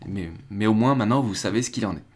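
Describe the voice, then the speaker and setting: A young man with a lowish voice talks fast while casually commenting on crypto news during a live stream. He rambles with restarts and fillers, chatting with viewers and reading from the chat.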